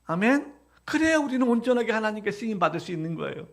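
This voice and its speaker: A male pastor with a notably high voice delivers a live Sunday sermon in a church sanctuary. He quizzes the congregation with rhetorical questions and swells from soft, reflective passages into loud, insistent exhortation. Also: very animated, fast.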